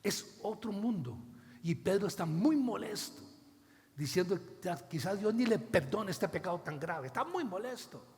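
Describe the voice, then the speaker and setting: A man preaching a sermon as a pastor, dramatically acting out biblical dialogue with big swings in loudness, with a Costa Rican accent. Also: sits high, sing-song, normal speed. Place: church hall. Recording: long church reverb.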